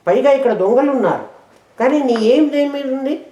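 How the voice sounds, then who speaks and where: Woman teacher leading a scripture lesson with rhetorical questions, mellow voice, roomy echo. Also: high-pitched, expressive. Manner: explains verses with rhetorical questions; chants verses slowly. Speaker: spiritual teacher.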